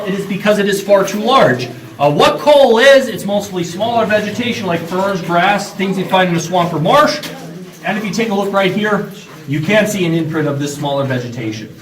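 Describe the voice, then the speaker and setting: A man giving an explanatory, instructive guided tour commentary as a tour guide inside an underground mine tunnel. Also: sits high. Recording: echoey, distant, noisy tunnel recording.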